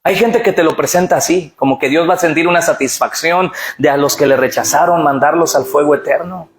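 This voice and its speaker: A man's voice: fairly high pitch, a little fast. A middle-aged man preaching a sermon, urging the congregation to repeat phrases aloud. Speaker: pastor. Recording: echoey church hall with music.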